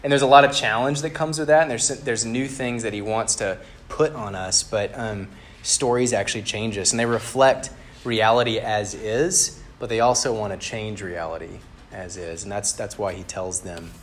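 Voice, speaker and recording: A man giving a relaxed, conversational sermon to a campus group. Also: fairly low pitch, normal speed. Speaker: campus ministry speaker. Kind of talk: casual sermon.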